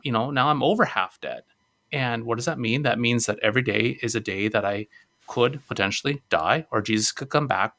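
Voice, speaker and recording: A man in his forties, a pastor, telling stories in an animated way during a casual podcast discussion. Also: medium pitch, vocal fry, no room sound. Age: 40s. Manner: storytelling, animated.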